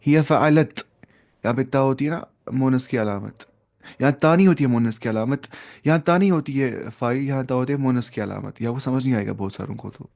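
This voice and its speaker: A man's voice: mid-range voice, fairly quick, gravelly, darkish tone. A man teaching Arabic grammar in Hindi, drilling word lists and correcting himself as he goes. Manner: opens with an Arabic prayer. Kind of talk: grammar lesson explained in Hindi.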